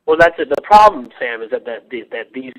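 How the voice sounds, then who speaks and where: A man appearing as a guest on a political talk show who speaks heatedly and haltingly, repeating words before he lands his point. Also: medium pitch, lively intonation, a crowd in the background. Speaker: guest commentator. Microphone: phone line. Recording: tinny phone line.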